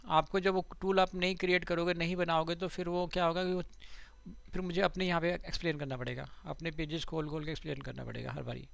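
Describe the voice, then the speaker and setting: A man runs a live online class in a relaxed, conversational way, talking through screens and asking his students whether they're following. His voice sits a bit high for a man and has a gravelly, creaky edge. He speaks into a computer mic on a call. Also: quick pace. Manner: conversational, repeats "theek hai" to check students follow. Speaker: digital marketing trainer.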